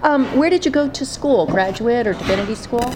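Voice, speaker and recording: Female interviewer, animated pitch, encouraging tone, hissy recording. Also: brisk. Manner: encouraging, affirming. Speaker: oral history interviewer. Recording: noisy background hiss.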